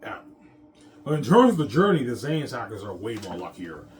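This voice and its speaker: A self-styled filmmaker boasts about his movie projects in a casual, rambling monologue, repeating himself and looping back over phrases. His mid-range voice swings widely in pitch at a moderate pace, with a little hiss or hum.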